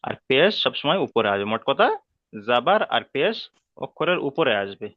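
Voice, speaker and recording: A man teaching letter sounds in an online class, patient and repeating each rule slowly. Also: medium pitch, very animated, no room sound, muffled recording. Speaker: Quran reading teacher.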